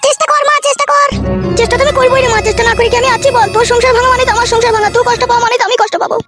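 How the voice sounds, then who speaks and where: In an amateur comedy cartoon, a man plays a scheming, foul-mouthed village mother, using a pitched-up voice and a rural West Bengali accent. He scolds dramatically and rapid-fire with fairly even intonation, in a plotting mood, while loud music plays behind him.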